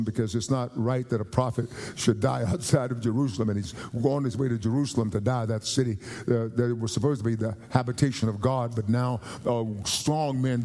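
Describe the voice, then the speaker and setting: A man's voice: medium pitch, dark tone. Earnest male preacher in a reverberant hall. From United States. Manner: earnest, repeats and restarts phrases, slows down for emphasis. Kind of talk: sermon.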